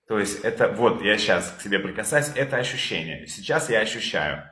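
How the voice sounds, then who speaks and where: A man leading a calm therapy session over a video call, probing with repeated questions. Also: on the low side, brisk, roomy sound.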